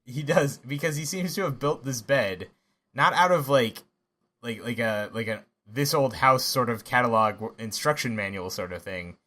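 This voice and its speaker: A man's voice: medium pitch, bright, forceful tone. Male podcast co-host, casual chat, stumbling and laughing as he talks. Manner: halting, with many restarts and laughs.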